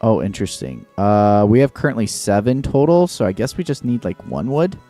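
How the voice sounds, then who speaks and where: Low mellow guy streaming a game, thinking out loud, lots of um and uh, faint music behind. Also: very animated, a little fast. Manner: thinks aloud, lots of fillers. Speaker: livestream host. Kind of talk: casual game commentary.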